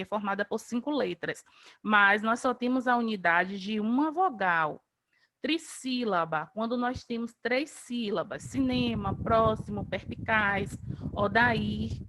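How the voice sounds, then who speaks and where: A woman's voice: on the high side, a bit bright, dry recording. A woman from Brazil, teaching an online grammar review lesson, patiently explaining and drawing out example words. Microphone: video call.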